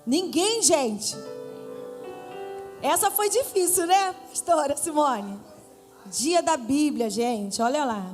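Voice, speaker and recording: High-voiced Brazilian woman preaching in a church. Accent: Brazilian Portuguese. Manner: playful, riddles with the congregation, rises to shouting. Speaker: pastor. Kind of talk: Pentecostal sermon. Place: church hall with live congregation. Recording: church hall reverb with faint music.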